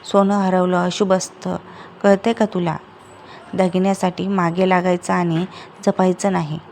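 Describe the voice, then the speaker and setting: A woman's voice: on the low side, little pitch movement, unhurried, darkish tone, a little hiss or hum. Harsh older mother-in-law in a spoken story, scolding and cutting, read by a woman narrator. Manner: scolding, accusing.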